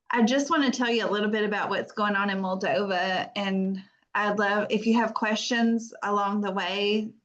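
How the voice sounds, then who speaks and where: An American woman in her fifties giving an informal online talk from home as a guest speaker, chatty and self-deprecating. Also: medium pitch. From United States. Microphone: video call. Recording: dull lo-fi video call audio.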